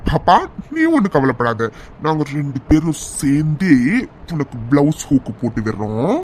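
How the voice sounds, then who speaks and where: Man voicing a cartoon thug, young, leering, taunting, mocking, fairly high voice. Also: lively intonation, moderate pace, noisy background, lightly acted. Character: swaggering young male thug, leering, menacing. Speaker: voice actor. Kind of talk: cartoon voice acting.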